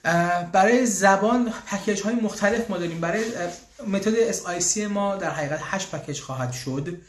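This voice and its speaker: A man hosting a casual live question-and-answer session for his language school, chatty, pausing often with fillers and restarts. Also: sits high, roomy sound. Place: room in Austria, church bells heard.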